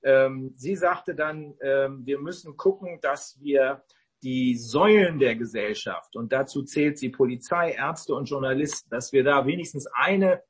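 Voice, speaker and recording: A man in casual online talk, rambling and halting with many fillers. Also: medium pitch, husky.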